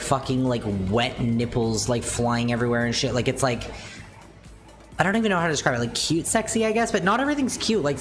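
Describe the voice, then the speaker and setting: A young adult woman chatting casually on a livestream, rambling with lots of fillers and casual swearing, her pitch jumping up and down as she talks. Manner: animated, wide pitch swings. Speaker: streamer.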